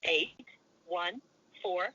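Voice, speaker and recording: An automated voicemail greeting, played back through a phone speaker, reading a flat, scripted prompt. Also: mid-range voice, very slow. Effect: automated voicemail greeting played over a phone speaker. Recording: muffled phone speaker with faint hiss.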